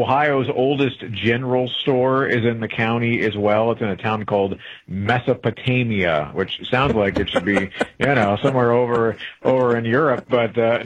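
A man's voice: medium pitch, dull audio. A man who is a traveling correspondent, chatting casually and rambling with many fillers and restarts, heard through an AM radio broadcast. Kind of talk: casual call-in chat on a radio talk show.

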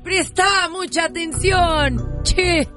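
A woman's voice: very high voice, very slow, music in the background. A woman co-hosting a radio contest, cheering the caller on with affectionate hype. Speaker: radio co-host. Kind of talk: playful radio call-in banter.

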